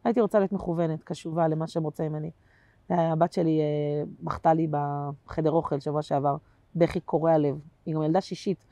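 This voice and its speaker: A woman comedian chatting as a guest in an interview, telling animated stories that swing between loud bursts and quiet asides, with plenty of slangy fillers. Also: low-pitched, no echo. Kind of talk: casual interview chat.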